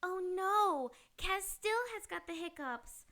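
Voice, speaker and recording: A woman voicing a perky young pop rock star in a fan-made cartoon animatic, chirpy and excitable. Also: very high-pitched, slow, exaggerated voice.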